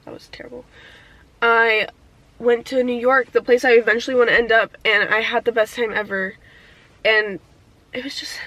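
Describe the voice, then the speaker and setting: A young woman talks straight to camera in a casual year-in-review vlog, bright and clear-toned, her voice sitting a little high. She is candid and chatty, swearing freely, and reflective enough to turn teary. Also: steady tone, normal speed, rough recording. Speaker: vlogger.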